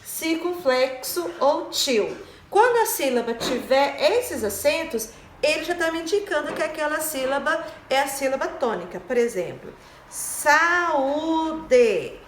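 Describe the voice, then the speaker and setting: A woman's high voice swings widely in pitch as she teaches a primary school class in a recorded online lesson. She explains slowly and checks in often with "né?" and "tá?"; the room is echoey and there's slight hiss or hum.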